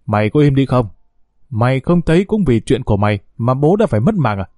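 A harsh, angry older brother, voiced by the male narrator, snapping rapid insults in a low, dark tone. It is recorded close and dry for an audio storybook. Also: big pitch swings, no room sound, close to an everyday voice. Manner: harsh, shouting down.

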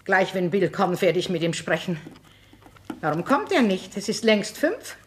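A woman's voice: mid-range voice, very animated, moderate pace, slight background noise, close to an everyday voice. An actress playing a tired older mother in a radio play, fussy about order and time. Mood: fussy, anxious. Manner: fussy, precise, then drowsy. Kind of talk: 1950s German radio play acting.

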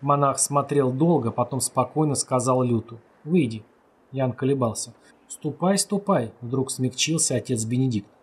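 A man narrates a story in a husky, slightly breathy voice. His reading is steady and measured, and he voices the characters' lines only lightly. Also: medium pitch. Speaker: audiobook narrator. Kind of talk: scripted narration.

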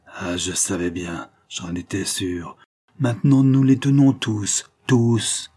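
A man's voice: fairly low pitch, moderate pace, mellow, breathy edge. A man reading aloud and voicing a scheming, ruthless female adventurer with commanding, triumphant speech and hissed asides. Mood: gloating. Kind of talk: audiobook character reading.

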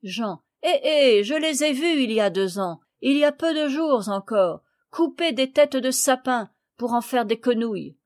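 A woman's voice: a little high, lively intonation, unhurried, few pauses, a little mellow, no echo, clean studio sound. Woman reading as an earnest brave boy. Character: upright brave young boy.

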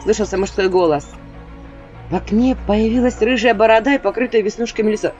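A woman narrating an audiobook in a lively, expressive storytelling manner. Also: mid-range voice, brisk. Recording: dull lo-fi audio with faint music.

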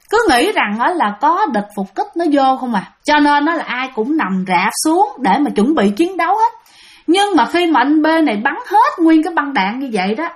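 A woman with a high voice narrates a ghost story aloud, chatting and addressing her listeners directly.

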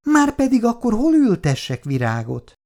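A stubborn old housewife for a 1960s radio drama, lively high-reaching delivery. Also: female voice. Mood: surprised. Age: older. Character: elderly housewife, stubborn and dreamy. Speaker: Mrs. Szabó.

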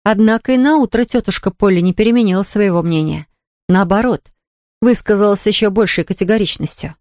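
A woman's voice: mid-range voice, a little fast, a little mellow, no echo. Woman reading a novel aloud, dry. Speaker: audiobook reader. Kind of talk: scripted narration.

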